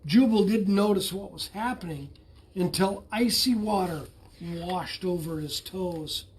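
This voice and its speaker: Man reading a children's picture book aloud, unhurried and expressive. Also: sits high. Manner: slow, expressive storytelling. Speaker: storybook reader.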